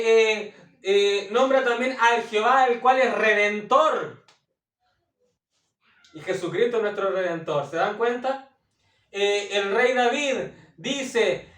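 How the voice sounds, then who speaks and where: A man teaching from the Bible as a preacher, repeating phrases for emphasis, asking his listeners questions and often pausing on hesitation sounds. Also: very high voice, a bit bright, distant mic. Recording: echoey room, voice set back from the mic.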